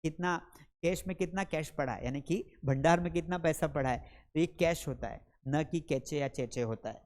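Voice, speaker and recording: A man's voice: a little high, moderate pace. Quizzing male Hindi-speaking English teacher. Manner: quizzing, asks viewers then answers himself; addresses viewers as friends and kids. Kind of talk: spoken English pronunciation lesson.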